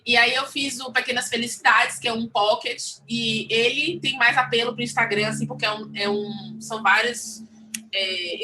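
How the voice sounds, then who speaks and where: A woman's voice: fairly high pitch, sharp tone, a little hiss or hum. A woman with a Brazilian Portuguese accent, a comics artist chatting casually on a panel in a rambling, self-mocking way.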